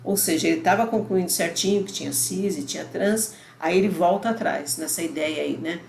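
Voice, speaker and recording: A woman's voice: lowish voice, brisk, vocal fry, a little mellow. A middle-aged woman, giving a conversational university lecture and explaining step by step, often checking in with the listener. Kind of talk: recorded online lecture. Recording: roomy echo with faint background noise.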